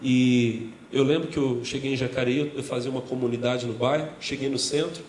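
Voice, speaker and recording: Brazilian pastor preaching in an echoey church. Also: male voice, medium pitch, brisk, a little hiss or hum. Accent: Brazilian Portuguese. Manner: lively call-and-response with the congregation, joking asides. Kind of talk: sermon.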